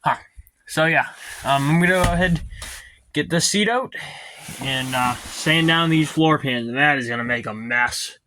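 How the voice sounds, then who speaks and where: Slightly high-pitched and a little slow, this man's sharp-toned voice carries a bit of hiss or hum. He's a garage vlogger casually narrating his work at home, rambling with many ums and sometimes short of breath.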